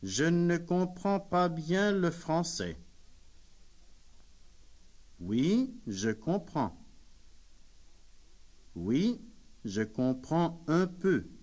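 A man reading French phrases as a language lesson drill, saying each phrase slowly and plainly. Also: on the high side, sing-song, darkish tone. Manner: says each phrase slowly and plainly, with pauses for the listener to repeat. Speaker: language course speaker. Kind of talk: slow, deliberate phrase drill.

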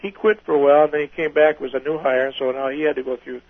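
A man's voice: a little high, little pitch movement, fast, no echo, phone-quality sound. An older man, a retired pilot, telling folksy, rambling stories in an oral history interview, restarting his sentences often.

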